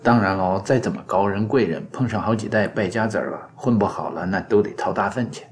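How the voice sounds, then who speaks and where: A man's voice: lowish voice, a little fast, soft background music. A man narrating in a wry, mock-scholarly joking manner, as if giving a satirical lecture.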